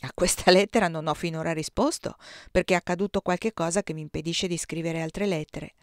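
A woman reading a novel aloud as an audiobook narrator, with a measured and expressive delivery on a close microphone. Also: lowish voice, no room sound. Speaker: audiobook reader.

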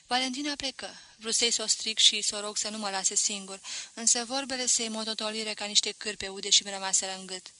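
A woman narrates a novel as an audiobook, measured and expressive. Her voice is very bright and sharp. It is recorded close on a studio mic, dry and free of echo. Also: medium pitch. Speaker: audiobook reader.

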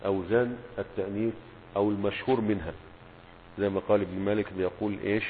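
A man with an Egyptian accent teaching a grammar lesson as a sheikh, asking rhetorical questions and stressing each word pattern slowly. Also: lowish voice, little pitch movement. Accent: Egyptian Arabic. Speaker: sheikh teaching Arabic morphology. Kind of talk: classroom lecture explanation. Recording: tinny phone-like lecture recording with hum and reverb.

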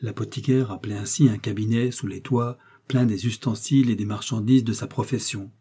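A man narrating a classic novel in a measured, steady audiobook reading. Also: on the low side, slightly rough. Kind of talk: scripted literary narration.

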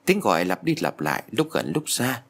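Husky low-voiced male storyteller. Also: fairly quick. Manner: expressive storytelling. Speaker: narrator. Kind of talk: audiobook ghost story narration. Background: faint background music.

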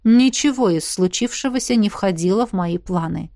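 A woman reading a calm, weary male dragon colonel with a dry, measured manner. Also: medium pitch, dry recording, close to an everyday voice. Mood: wry.

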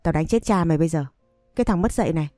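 A woman's voice: rapid-fire, dark tone, dry recording, studio quality, faint music behind, natural voice. Woman reading as a scolding shrewish mother. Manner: shrill scolding insults. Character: sharp-tongued abusive middle-aged mother.

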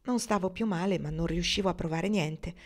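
A woman's voice: lowish voice, fairly quick. A woman reading the part of an earnest, romantic young gunslinger man, speaking in heartfelt declarations. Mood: wistful.

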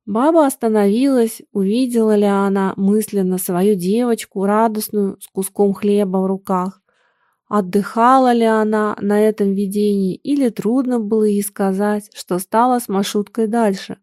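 A woman reading a story aloud in steady, measured narration. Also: medium pitch, no echo, studio quality. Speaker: reader.

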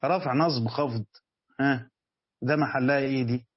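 A man's voice: medium pitch, steady tone, normal speed, slightly rough, no room sound, highs cut off. A man with an Egyptian Arabic accent teaching a Quran commentary lesson. He asks his students questions and then answers them himself. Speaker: religious teacher.

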